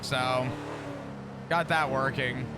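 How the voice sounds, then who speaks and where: A man streaming a roleplay game, talking casually in a deliberately flat, bland monotone. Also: medium pitch, background noise.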